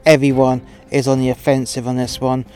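A man's voice: mid-range voice, completely flat delivery, fairly quick, close to an everyday voice. A man playing a gung-ho, foul-mouthed starship captain in an audio drama, commanding his crew informally and recklessly. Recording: loud music behind the voice. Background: music.

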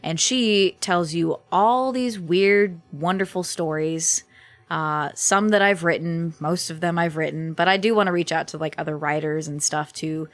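Young woman, low voice, dry mic. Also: measured pace, no room sound. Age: young adult. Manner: chatty, laughs often, rambling restarts. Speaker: podcast guest, voice actor. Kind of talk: casual podcast interview.

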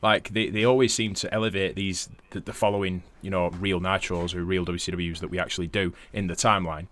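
A man's voice: low-pitched, flat delivery, fairly quick, a bit bright. A man co-hosting a podcast in casual chat, laughing often and swearing. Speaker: podcast co-host.

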